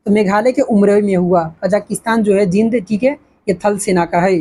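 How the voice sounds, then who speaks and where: A woman's voice: medium pitch, fairly even intonation, moderate pace, warm tone, husky. A woman teaching an exam-prep lesson, asking questions and answering them herself. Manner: repetitive, asks and answers her own questions.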